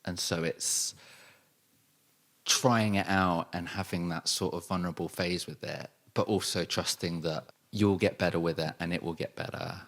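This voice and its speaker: Low-voiced reflective podcast host. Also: male voice, steady tone, normal speed, fairly bright tone. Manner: thoughtful, searching, reflective phrasing. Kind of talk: casual conversational interview.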